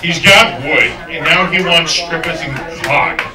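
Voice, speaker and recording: A man imitating a crude, loudmouthed cartoon father making announcements over a store loudspeaker. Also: a little high, a little slow, recorded from a distance, heavy background noise, close to an everyday voice. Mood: exasperated. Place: comedy club stage. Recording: roomy club sound from afar with crowd.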